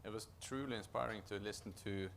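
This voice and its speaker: A Norwegian project manager presents at a conference in a low, gravelly voice that stays deep and creaky throughout, with a Norwegian accent. He speaks haltingly, often stopping to restart and repeat words, over a little hiss or hum.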